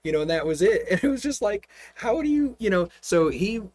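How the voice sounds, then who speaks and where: A man's voice: sits high, brisk. A man hosting a casual chat, a pastor, telling rambling stories and laughing often. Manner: rambling, relaxed storytelling with frequent laughs. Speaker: host and pastor. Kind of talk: casual conversation.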